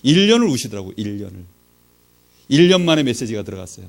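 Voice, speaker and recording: A man's voice: medium pitch, sing-song, fast, vocal fry. A man giving a sermon-style testimony as a pastor, telling his story with rhetorical questions and acted-out dialogue. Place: church training session.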